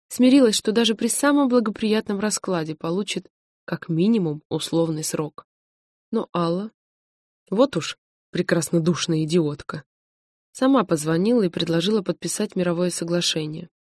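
Female audiobook narrator, steady measured read, low-pitched, dry close mic. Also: no echo. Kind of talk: scripted narration.

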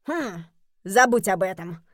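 A woman voicing a grumpy, dramatic male fox who complains in loud, indignant outbursts in a storybook reading. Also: medium pitch, animated, takes it slowly, no echo, clean studio sound. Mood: despairing.

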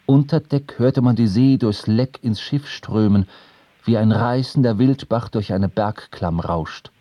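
The solemn lone survivor of a shipwreck in a radio play, telling the tale in a measured way. His voice is dark and mellow, slow-paced, and recorded dry and close. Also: fairly low pitch, dry recording, dull audio. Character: sailor narrator, sole survivor, solemn. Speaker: narrator. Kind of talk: scripted radio play narration.

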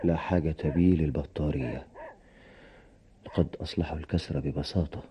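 An actor with an Egyptian accent playing a bitter, desperate young husband in a radio drama, at times shouting in rage. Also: male voice, very deep voice, steady tone, moderate pace, noisy background. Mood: brooding. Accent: Egyptian Arabic. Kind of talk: 1990s radio drama acting. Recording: dull lo-fi radio recording.

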